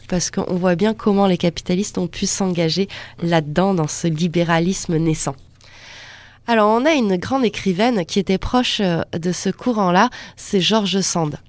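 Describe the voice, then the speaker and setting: A woman explains history on a radio programme in a loose, spoken way, sprinkling her talk with hesitation fillers. Her voice sits at a middle pitch, and the recording is dry and close. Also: dry recording.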